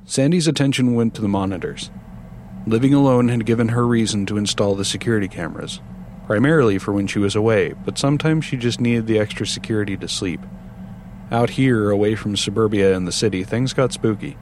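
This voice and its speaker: A man reading a horror story aloud with steady, measured narration. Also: on the low side, a little hiss or hum.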